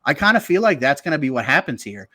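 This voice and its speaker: Late 30s guy chatting on a podcast, lots of you know and like, bright edgy voice, dry mic. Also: fairly high pitch, big pitch swings, fast, no echo. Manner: loose, rambling, filler-heavy. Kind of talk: casual podcast chat.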